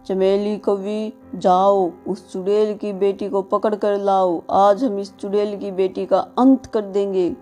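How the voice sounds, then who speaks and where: A woman voicing a male owl sorcerer in a cartoon, scheming and harsh, giving loud commands. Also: medium pitch, level tone, a little slow, few pauses, faint music behind, voice pushed down, lightly acted. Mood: commanding.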